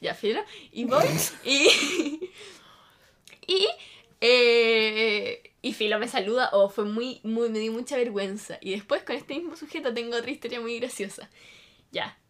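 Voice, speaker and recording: A young woman with a Chilean accent, chatting casually and telling an animated story, acting out quotes. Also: on the high side, unhurried. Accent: Chilean Spanish. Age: young adult. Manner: animated storytelling, repeats for emphasis, acts out quotes. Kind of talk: casual chat.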